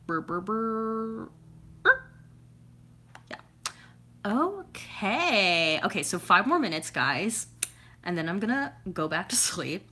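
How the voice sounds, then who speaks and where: A woman's voice: a little high, bright, forceful tone. A woman in her twenties chatting at home on a livestream, reading comments in a rambling way, with lots of fillers and silly sound effects. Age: 20s. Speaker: YouTuber reading live chat. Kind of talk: casual livestream chat.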